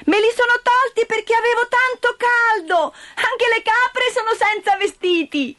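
A woman voicing a bright, eager little girl in a storybook reading, high and excited. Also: moderate pace, no echo, clean studio sound.

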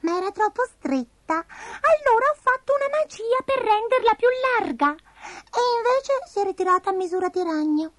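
A woman voicing a young witch girl in a high, sing-song voice, in a storybook reading. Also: lively intonation, normal speed, dry recording. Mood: chatty.

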